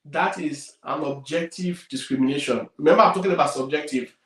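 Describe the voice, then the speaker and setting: Nigerian male career coach, emphatic and repetitive, slightly high voice, roomy distant pickup. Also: brisk. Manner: emphatic, repeats key points, loudness swings widely. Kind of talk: career advice talk.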